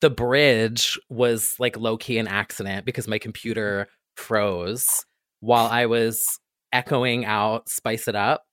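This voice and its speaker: A man's voice: fairly low pitch, fairly even intonation, slow, fairly bright tone, no echo, studio quality. A man who produced a remix, eagerly telling how he made it and acting out his own past thoughts. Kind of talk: casual interview chat.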